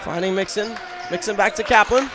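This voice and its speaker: A man calling live basketball play-by-play in a crowded school gym, with rapid, clipped calls shouted over the crowd. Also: high voice. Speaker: play-by-play announcer. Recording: loud gym crowd and noise.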